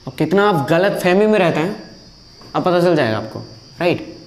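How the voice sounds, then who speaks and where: Speaking at normal speed in a high-pitched, animated voice, this teacher repeats English words again and again for students to copy during a recorded grammar lecture, scolding anyone who falls behind and mixing English into his speech. The sound is roomy.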